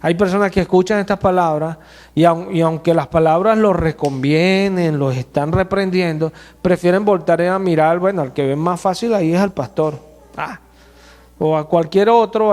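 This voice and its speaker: A man preaching a sermon as pastor, emphatic and slowing to stress key words, in a church. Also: high voice, darkish tone. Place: church hall. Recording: long church hall reverb.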